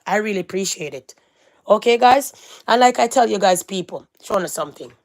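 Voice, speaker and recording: Her medium-pitched voice is expressive and brisk as this middle-aged woman vlogs a casual sermon-like monologue to viewers. Phrases get repeated for emphasis, and she alternates loud proclamations with hushed cautions.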